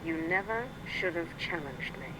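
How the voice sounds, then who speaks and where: Ruthless Sith woman played by an actress, low-set cold menacing delivery, game audio under heavy noise. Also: lively intonation, normal speed, natural voice. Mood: cold menace. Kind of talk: video game voice acting.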